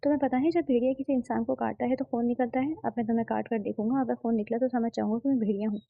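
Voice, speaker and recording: A smug young man who mocks and teases his bride, lines read in a gravelly, slightly high storybook voice by a woman narrator. The recording is dry and a little muffled. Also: fairly even intonation, racing, no room sound. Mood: teasing. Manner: smug, mocking, teasing. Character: teasing arrogant young man, the groom.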